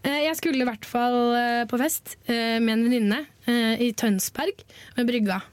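A woman's voice: on the high side, no room sound. A woman co-host telling a story casually, with frequent hesitations. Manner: chatty, many filler hesitations. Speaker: podcast co-host.

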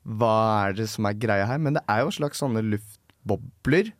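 A man's voice: lowish voice, no echo. A young man co-hosting a student radio show in a studio, reacting playfully and thinking aloud. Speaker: co-host. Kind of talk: casual radio chat.

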